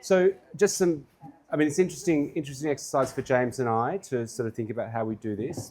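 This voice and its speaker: Hoarse man, course instructor. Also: mid-range voice, mellow. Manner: informal, rambling with fillers. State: losing his voice. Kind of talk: closing remarks to a class.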